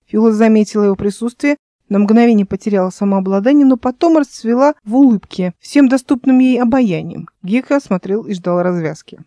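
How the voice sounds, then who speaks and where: A woman narrating her own fantasy audiobook in an even, plain reading, close to a home mic. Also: medium pitch, a little fast, no echo.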